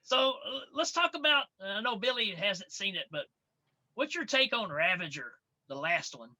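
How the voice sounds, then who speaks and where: High, very bright jokey male host. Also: very animated, normal speed, poor audio. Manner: jokey, laughs often. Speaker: podcast co-host. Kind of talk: casual podcast chat.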